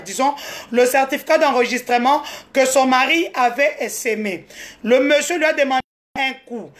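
High-voiced Congolese woman streaming live. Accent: Congolese French. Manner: animated, switching between French and Lingala. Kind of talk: casual live-stream storytelling.

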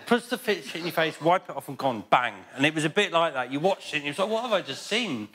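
A man's voice: a little high, lively intonation, quick pace, crowd noise. A man in a casual podcast chat, telling wry, reflective anecdotes. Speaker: cast member.

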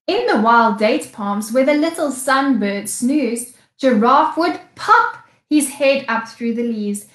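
A woman teacher with a South African accent reading a storybook aloud to young children, slow and expressive. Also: fairly high pitch. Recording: echoey room.

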